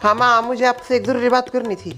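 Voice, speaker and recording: A man's voice: very high-pitched, little pitch movement, brisk, loud music behind the voice. A man doing a chatty, naive young woman. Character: naive, chatty young daughter-in-law turned businesswoman. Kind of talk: comedy sketch.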